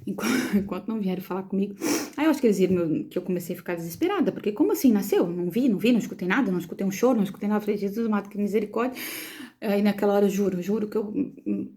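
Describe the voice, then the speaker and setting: Emotional Brazilian woman, gravelly and warm. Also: mid-range voice, animated. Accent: Brazilian Portuguese. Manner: emotional, halting, repeats words. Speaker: mother of a premature baby. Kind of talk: personal testimony vlog.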